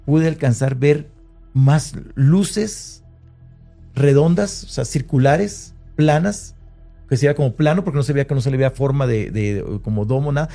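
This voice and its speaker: Man, Mexican Spanish accent, mellow mid-pitched voice, halting first-person storytelling with faint music behind. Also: gravelly. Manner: hesitant, with many restarts and fillers, slowing at tense moments. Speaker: interviewee recounting an encounter. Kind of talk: conversational first-person account.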